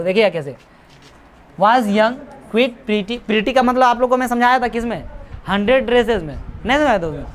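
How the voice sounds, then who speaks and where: Casual teacher explaining a story. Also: male voice, high voice, slight background noise. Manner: casual Hindi-English mix, reads English lines slowly and haltingly; chatty, jokes and scolds the class. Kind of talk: classroom lesson explaining an English story.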